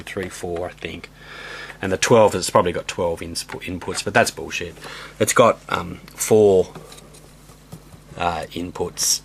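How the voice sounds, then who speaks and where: Rambling low-voiced man in a home studio. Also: slight background noise. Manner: rambling, frequent ums and restarts, blunt and offhand. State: voice going hoarse. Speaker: home studio tutorial host. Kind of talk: casual equipment walkthrough.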